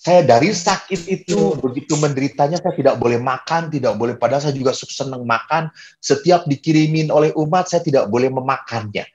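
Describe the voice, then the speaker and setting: Priest telling stories with humor. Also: male voice, mid-range voice, fairly quick, a little mellow. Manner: storytelling with humor, acts out quoted voices. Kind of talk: sermon.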